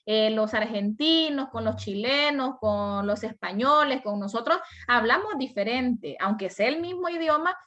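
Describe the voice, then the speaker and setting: A woman's voice: fairly high pitch, lively intonation, measured pace, few pauses, bright, forceful tone, highs cut off. A woman from El Salvador with a Salvadoran accent, teaching an online class over a video call. She explains step by step and answers her own rhetorical questions. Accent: Salvadoran Spanish.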